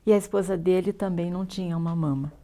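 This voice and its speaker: An older woman with a Brazilian Portuguese accent speaks as an interview guest. She tells a personal story in a lively way and acts out each line of dialogue. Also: fairly low pitch, quick pace.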